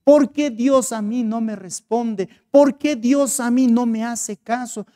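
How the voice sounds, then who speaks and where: A woman's voice: sits low, moderate pace, dark tone, no echo, studio quality, lightly acted. A man playing a frustrated middle-aged woman who pleads and questions in a plaintive voice. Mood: pleading.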